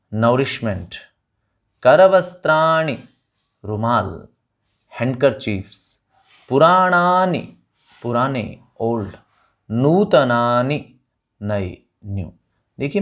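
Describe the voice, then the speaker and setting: A man's voice: medium pitch, gravelly. A man teaching a Sanskrit lesson, reading out words for students to repeat and explaining each one in Hindi and English. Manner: slow, drawn-out word-by-word pronunciation with call-and-repeat drills. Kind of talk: online language lesson.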